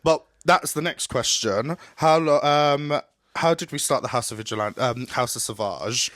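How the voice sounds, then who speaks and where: A young man hosts a drag podcast, talking in camp, animated bursts. His voice is bright and pushed forward. The sound is dry and close to the mic. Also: mid-range voice, moderate pace, no room sound. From Southend, Essex. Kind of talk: casual chat.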